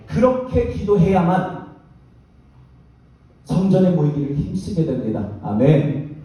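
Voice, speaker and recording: A man's voice: sits high, dark tone. Preaching man in an echoey hall. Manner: emphatic preaching with call-and-response repetition. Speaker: pastor. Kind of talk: sermon. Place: church youth worship hall. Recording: echoey church hall mic from a distance.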